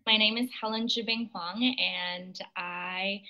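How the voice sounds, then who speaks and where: A woman's voice: mid-range voice, steady tone, slow pace, lo-fi sound, soft background music. A young woman from China, an opera singer, talking casually in an interview over a video call, thoughtful and dotted with fillers. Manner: thoughtful, with frequent fillers and light laughs.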